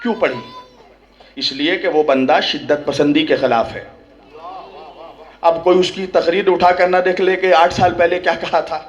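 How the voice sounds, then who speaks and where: High-voiced man preaching with fiery rhetorical questions. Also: steady tone, normal speed, long pauses, dull audio. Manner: rhetorical questions with a repeated "hain?" tag; rises to shouting at climaxes. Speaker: religious orator at a mourning gathering. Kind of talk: impassioned religious speech.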